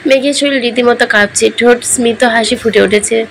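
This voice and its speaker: A woman reading a romantic story aloud, in steady storybook narration. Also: fairly high pitch, brisk, slight background noise, low-quality recording.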